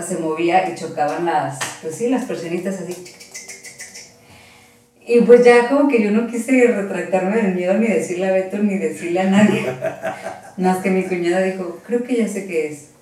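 Mexican woman telling a story in an echoey room. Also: deep voice. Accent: Mexican Spanish. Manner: animated, rambling storytelling. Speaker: guest. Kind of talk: casual storytelling. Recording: echoey room, far from the mic.

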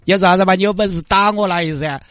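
A man's voice: high voice, fast, fairly bright tone, no echo, clean studio sound. A man voicing a stubborn old female beggar with a Sichuan accent, taunting and brash. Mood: defiant. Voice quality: brash, taunting dialect banter.

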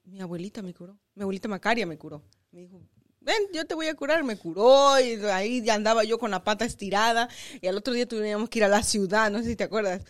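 A woman's voice: mid-range voice, fast, few pauses, no room sound, studio quality. A woman from Mexico co-hosting a casual family podcast, asking probing questions and telling childhood stories. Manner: lively, probing questions, code-switches briefly into English. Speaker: podcast co-host.

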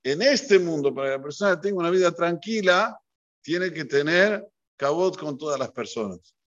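A man's voice: a little high, moderate pace. A man, a rabbi telling stories in a sermon with Hebrew terms mixed in. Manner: animated storyteller mixing Hebrew terms. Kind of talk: sermon with storytelling. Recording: dull lo-fi recording.

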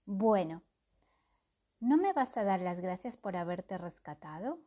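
A woman's voice: medium pitch, very animated, a little slow, warm tone. A woman voicing a tiny, grumpy male goblin in a storybook, grumbling and touchy.

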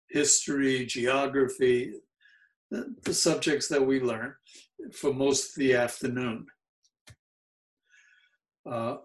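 Recorded roughly, a seventy-something New Yorker with Yiddish as his first language looks back on his childhood for an oral history interview. His mid-range voice is mellow and halting, often broken by fillers.

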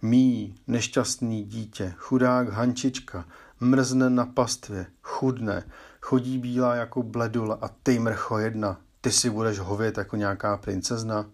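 A man's voice: on the low side, husky. Man playing a spiteful scolding stepmother. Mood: angry scolding. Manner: harsh and scolding. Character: spiteful, scolding stepmother, middle-aged woman.

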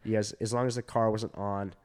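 A man's voice: fairly low pitch, a little fast. Rambling, profane comedian man. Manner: rambling, filler-heavy and profane, with animated quoted voices. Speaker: stand-up comedian. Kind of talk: casual storytelling chat.

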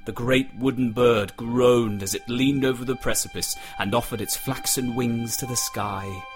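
A man reading a dramatic storybook prologue aloud in a slow, measured way. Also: medium pitch, steady tone, soft background music. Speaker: audiobook reader. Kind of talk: storybook narration.

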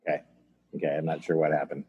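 Low husky guy on a video call, dull lo-fi audio, talks slow and thoughtful, dark mellow tone. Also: completely flat delivery. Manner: thoughtful, halting, looks back on the past. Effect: voice heard over a video call. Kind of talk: reflective conversation.

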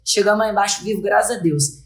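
A woman's voice: mid-range voice, fast. A woman on a podcast, telling a story in a casual, dramatic way and acting out the people in it. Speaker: podcast co-host. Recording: roomy echo.

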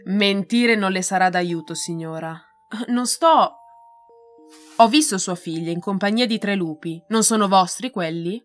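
A stern old general gives orders in a cold, formal voice, as a woman reading the story puts him on. His delivery is commanding and clipped, with a steady middle pitch, and faint music plays under the storybook reading. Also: unhurried, lightly acted. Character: stern old male imperial army general.

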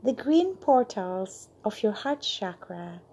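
A woman leading a channeled guided meditation, soothing and drawn out, with lines that fade into breathy whispers. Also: medium pitch, big pitch swings, slow, mellow.

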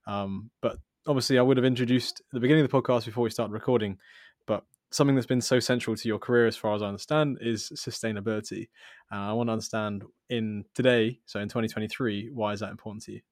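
A man hosts the podcast in a lowish voice, firing out his words quickly. The sound is dry and close, and he rambles and rephrases as he shapes each question. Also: fairly even intonation, darkish tone, no room sound. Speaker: podcast host. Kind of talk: conversational interviewing.

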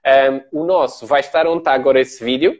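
A man's voice: mid-range voice, fairly even intonation, fairly quick, darkish tone, dull audio. A man with a European Portuguese accent in a casual, slangy conversation, talking as an entrepreneur about his work. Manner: informal, slangy. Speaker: entrepreneur, brand owner. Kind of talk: casual chat.

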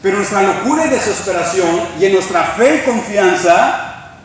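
A man preaching a sermon as pastor, impassioned, slowing down to stress his points. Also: high-pitched, lively intonation, slight background noise. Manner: impassioned preaching, slows for emphasis. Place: church sanctuary. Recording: echoey room, preacher far from mic.

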